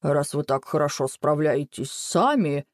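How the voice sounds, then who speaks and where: A stern middle-aged father speaks in a slow, lowered, deliberate voice, as a woman reader puts him on. Every word is weighed and grave. The sound is dry. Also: lively intonation, dry recording. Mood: thoughtful.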